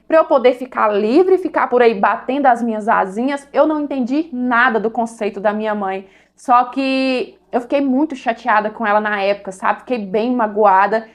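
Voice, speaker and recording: A woman telling a personal story in a confiding, conversational way, often checking in with her listener. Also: a little high. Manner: confiding, conversational, tags with "sabe?". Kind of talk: first-person story narration.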